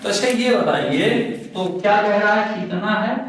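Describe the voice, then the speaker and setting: Guy teaching physics, slightly high voice, super echoey room, mic far away. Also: moderate pace, vocal fry, fairly bright tone. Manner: repeats questions to the class and answers them himself. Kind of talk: exam-prep lecture.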